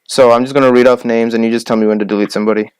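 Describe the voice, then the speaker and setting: Young male podcast co-host, smooth clear voice, dry close sound, rattles off names. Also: medium pitch, flat delivery, no room sound. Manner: listing names quickly, argumentative. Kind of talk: casual sports chat.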